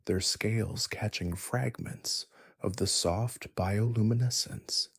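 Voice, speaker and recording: A man narrating a soothing sleep story in a hushed, half-whispered, unhurried way. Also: fairly low pitch, creaky, husky, no echo, clean studio sound.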